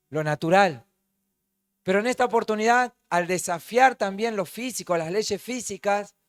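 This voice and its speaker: A man's voice: sits high, no room sound. A man with a Rioplatense accent preaching a sermon as pastor, stretching key words for emphasis and putting rhetorical questions to the congregation. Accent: Rioplatense Spanish. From Argentina.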